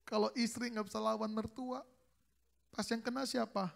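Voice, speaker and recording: A man's voice: high-pitched, little pitch movement, moderate pace, gravelly, noisy background. A male pastor preaching a sermon at a church service, telling family stories with jokes and acting out the dialogue. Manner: joking storyteller, acts out family dialogue.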